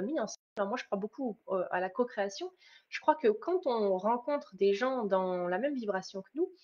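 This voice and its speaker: A woman's voice: medium pitch, darkish tone, highs cut off. Earnest woman coaching viewers on a live stream. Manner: earnest, addresses viewers directly, many hesitations and restarts. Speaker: spiritual business coach. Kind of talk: live-stream motivational talk.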